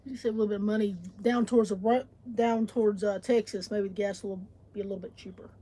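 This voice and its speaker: Husky woman, chatty and complaining. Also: medium pitch, steady tone, quick pace, mellow. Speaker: co-host of a travel vlog. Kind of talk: casual chat.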